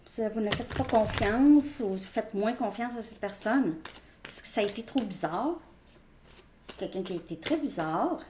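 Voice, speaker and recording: A woman's voice: medium pitch, expressive, moderate pace, mellow, reverberant, slight background noise. A woman with a Québécois French accent giving a casual tarot reading. She talks to her viewers in a chatty way and repeats herself. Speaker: tarot reader.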